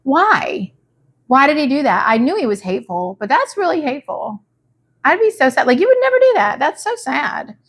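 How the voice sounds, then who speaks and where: A high-voiced woman chats casually as she recaps a reality show. She talks animatedly and slips into quick impressions of the people she describes. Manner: animated, mimics people in quotes, frequent "like". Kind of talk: casual chat.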